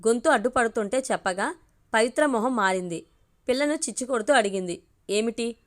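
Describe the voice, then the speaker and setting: A woman's voice: fairly high pitch, lively intonation, a little fast. A woman reading a family story aloud as an audiobook, voicing the characters' dialogue in her own voice. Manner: reads all the characters' dialogue in her own voice with little change.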